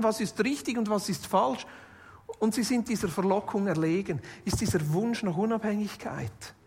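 A woman preaching a sermon in a conversational tone, with light jokes and points built by repeating and restating phrases. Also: a little high. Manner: builds points by listing and restating.

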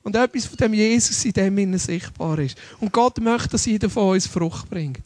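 A man's voice: high-pitched, normal speed, a little mellow, no room sound. A man preaching a sermon in an earnest, conversational way, often asking rhetorical questions.

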